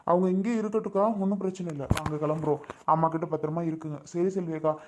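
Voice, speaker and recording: A man's voice: a little high, steady tone, fast talker, darkish tone, slight background noise, lightly acted. A man playing a stubborn young father who insists on taking his children with him in a family skit. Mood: determined. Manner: firm and determined, polite but unyielding.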